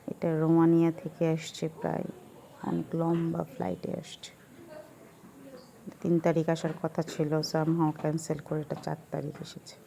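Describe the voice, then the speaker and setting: A woman who works as a wildlife inspector, speaking, explains things in a relaxed, casual vlog style and mixes in English words. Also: low voice, vocal fry, slight background noise, poor audio.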